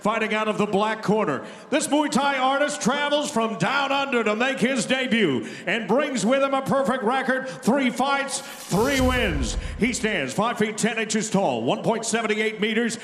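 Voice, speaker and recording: A man working as a ring announcer, booming out fight introductions with theatrical, drawn-out delivery. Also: animated. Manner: theatrical, drawn-out shouted name calls. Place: large indoor arena. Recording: echoey arena PA with long reverb.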